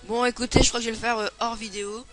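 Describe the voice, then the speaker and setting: A man's voice: extremely high pitch, flat delivery, very fast, fairly bright tone, faint music behind, rough recording. A young man giving casual, chatty commentary over his gameplay, swearing when it goes badly. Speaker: let's play gamer.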